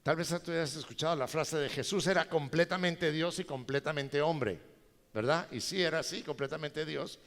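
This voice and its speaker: A male pastor preaching a sermon, animated and joking with his congregation. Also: a little high, moderate pace. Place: large church hall. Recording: reverberant church hall.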